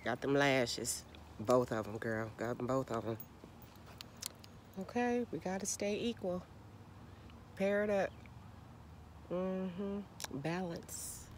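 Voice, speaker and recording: A woman in her forties chats casually with viewers from a parked car, filming on a phone held at arm's length. Her lowish voice moves slowly with frequent pauses, and a faint hiss or hum sits under it. She's a loose, talkative vlogger who keeps calling her listeners "girl."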